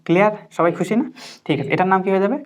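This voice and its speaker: A woman's voice: mid-range voice, very fast, darkish tone, slight background noise. A woman teacher, tutoring a student in chemistry and constantly quizzing and checking that she understands. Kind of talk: interactive tutoring lesson.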